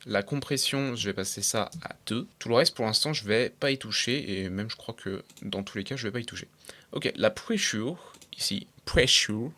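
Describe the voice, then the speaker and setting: A young man talking casually through a software tutorial step by step, with frequent fillers and English terms mixed in. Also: lowish voice, brisk. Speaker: tutorial creator. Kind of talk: screen-recorded software tutorial.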